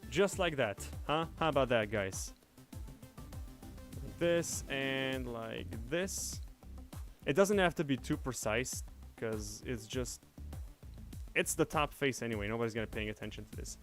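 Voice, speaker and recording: A man's voice: medium pitch, expressive, unhurried, long pauses, faint music behind. A young man from Indonesia, thinking aloud and narrating his steps at home while working on a project live. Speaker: livestreaming 3D artist. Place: home room shared with family.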